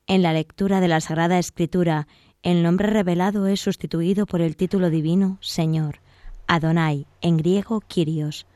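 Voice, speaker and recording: A woman, reading a catechism passage aloud in a measured, formal way. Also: on the low side, steady tone, mellow, dry recording, clean studio sound. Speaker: reader of the catechism text.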